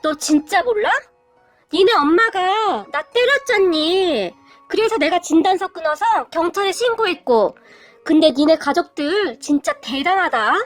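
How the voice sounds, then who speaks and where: A haughty rich mother with a high, piercing voice sneers and scolds with open scorn, as a woman storyteller puts her on. The voice is raised well above the reader's own, over faint background music, like a voiced storybook villain. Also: expressive, moderate pace. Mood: shrill scolding. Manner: yelling, contemptuous. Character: snobbish rich middle-aged mother, haughty and shrill.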